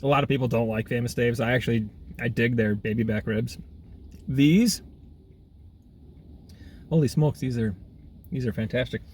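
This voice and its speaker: A man's voice: mid-range voice, moderate pace, pauses often, a little mellow, slight background noise. A man casually reviewing food for a vlog, chatty and exclaiming as he eats outdoors. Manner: chatty, eating while talking, frequent exclamations. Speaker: food vlogger. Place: outdoors in half sun, half shade.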